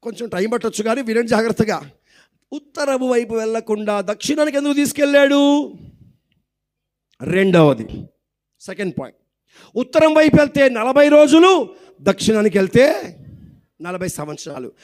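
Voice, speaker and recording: A man with a Telugu accent, preaching a sermon as pastor. He drops to quiet asides and then shouts exclamations, and he keeps calling on the congregation to answer loudly. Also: extremely high pitch, expressive, normal speed, pauses often. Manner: swings between quiet talk and shouted exclamations. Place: church.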